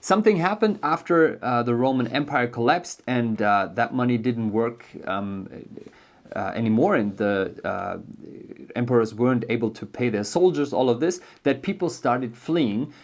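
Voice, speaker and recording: A man's voice: medium pitch, lively intonation, normal speed. A man with a German accent who grew up in Germany, hosting an educational video and explaining a book in a loose, unscripted way, thinking aloud with many ums and restarts. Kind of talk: casual spoken book explainer.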